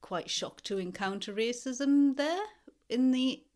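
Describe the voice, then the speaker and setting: With a fairly high pitch and a darkish tone, a lecturer from northeast England in her fifties takes part in an interview. She pauses a lot, choosing her words in a careful, thoughtful manner.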